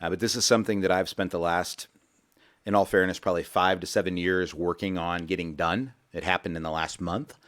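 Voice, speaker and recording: A man's voice: deep voice, fairly even intonation, a little fast, fairly bright tone. A man hosting a financial radio show, talking in a rambling, folksy way and repeating his words. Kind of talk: casual radio talk with sales pitch. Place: radio studio.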